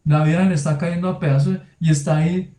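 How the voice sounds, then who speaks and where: A man preaching a sermon in a conversational way, speaking directly to his listeners and telling lively personal anecdotes with sound words. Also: fairly high pitch, fast talker. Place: church hall. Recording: echoey room.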